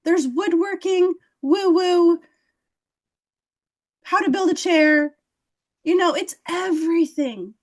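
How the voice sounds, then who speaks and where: A woman's voice: very high-pitched, slow, pauses often. A woman hosting a casual chat, talking enthusiastically and acting out little quotes as she gives advice. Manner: animated, enthusiastic, acts out quotes. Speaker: host.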